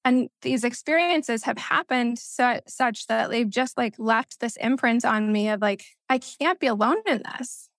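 A woman from Missouri in the United States, whose first language is Spanish, speaks as a guest in a podcast conversation, earnest and reflective and often saying "like". Her fairly high, slightly bright voice is unhurried with hardly any pauses, recorded with no room sound.

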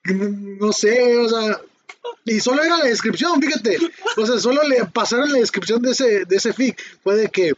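A man's voice: very high voice, animated, moderate pace, lo-fi sound. A young man with a Mexican Spanish accent, chatting casually and laughing often with lots of slang. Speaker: podcast co-host. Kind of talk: casual chat.

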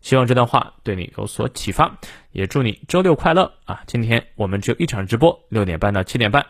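Lively male English teacher. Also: mid-range voice, no room sound, clean studio sound. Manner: lively, slow careful English readings with stressed words. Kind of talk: morning English lesson, explaining and modeling pronunciation.

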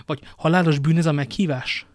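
A man's voice: on the high side, fairly even intonation, dry recording, studio quality, lightly acted. A man reading an audiobook, voicing a cold, cruel king who talks in a smug, coolly teasing way.

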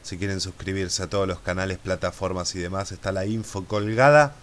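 A man with an Argentine accent and lisping s sounds, hosting a podcast casually in a drawn-out, dramatic way. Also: low-pitched, fairly even intonation, fairly bright tone. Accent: Argentine Spanish. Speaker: podcast host.

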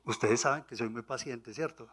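A man's voice: medium pitch, moderate pace, a bit bright, slightly rough. A man, a pastor telling a personal testimony to his congregation, often asking them to agree. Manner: storytelling with rhetorical questions to the audience. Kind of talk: sermon testimony.

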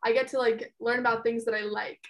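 A woman's voice: a little high, flat delivery, fairly quick, fairly bright tone. An eighteen-year-old woman, a student guest on a podcast, chatting in a bubbly way and often saying "like". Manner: bubbly, says "like" a lot. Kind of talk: casual chat.

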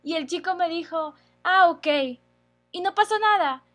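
A woman's voice: very high-pitched, a little fast, a bit bright. A young woman telling a personal story in casual chat, conversational with frequent fillers.

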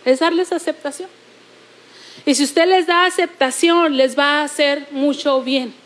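A Mexican woman delivers a sermon in a high, bright voice. She presses her points by repeating phrases and drawing out key words slowly. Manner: emphatic repetition, slowing to stress points. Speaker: preacher.

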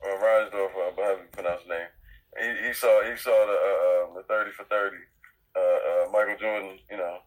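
A man's voice: low voice, fairly even intonation, low-quality recording. A man co-hosting a casual sports podcast, rambling and repeating himself as he makes his points. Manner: rambling, repeats words, fast talker. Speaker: podcast co-host.

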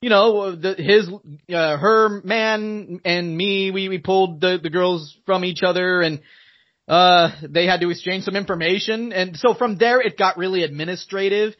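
Man, high-pitched, rambling, restarts, dull lo-fi sound. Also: steady tone, normal speed. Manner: rambling, many restarts and laughs. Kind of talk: casual storytelling chat.

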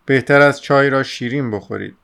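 A man reading the part of a sharp-tongued woman servant in an audiobook, mocking and scolding in a smooth voice. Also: mid-range voice. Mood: teasing.

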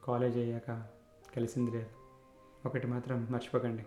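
A man's voice: medium pitch, completely flat delivery, normal speed, dark tone. Man, thirties, reflective storyteller, echoey room, faint music behind. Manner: reflective, conversational. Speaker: narrator. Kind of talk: first-person storytelling. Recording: roomy echo with faint music.

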